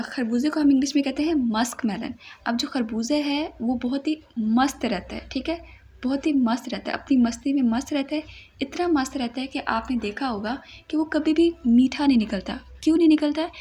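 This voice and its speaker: High-voiced woman teaching vocabulary. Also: a little mellow. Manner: playful, repeats words slowly for pronunciation. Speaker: English teacher. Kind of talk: vocabulary lesson.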